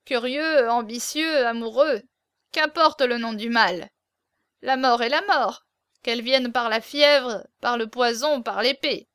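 A woman's voice: sits high, unhurried, pushed and bright, clear, resonant tone, dry recording, clean studio sound. A woman reading the part of a small hunchbacked man, hesitant and stammering, with a hidden intensity, in an audiobook. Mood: fervent. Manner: hesitant, stammering, turning fervent.

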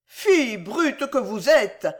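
A reader voicing a motherly landlady who coos and fusses in drawn-out phrases, in an audiobook. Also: medium pitch, lively intonation, sharp tone, pitched above the performer's own voice. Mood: fussing. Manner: cooing, drawn-out. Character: motherly innkeeper woman, fussing and scolding. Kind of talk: audiobook character voice.

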